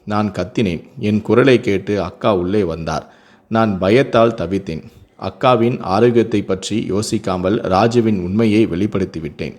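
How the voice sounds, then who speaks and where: A man's voice: on the low side, normal speed, a little mellow. A man narrating a scripted first-person family story, reading steadily with occasional self-corrections.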